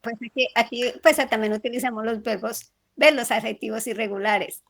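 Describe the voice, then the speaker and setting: A woman's voice: a little high, fairly even intonation, normal speed, gravelly, a bit bright. A woman student asking her teacher questions over a video call, hesitant and full of fillers. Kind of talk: asking questions in an online class.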